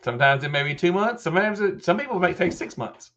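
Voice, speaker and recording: On a muffled recording, a man in his fifties runs a live question-and-answer help desk stream, explaining things step by step casually and restarting often. He talks fast in a high-pitched, fairly bright voice with lively intonation.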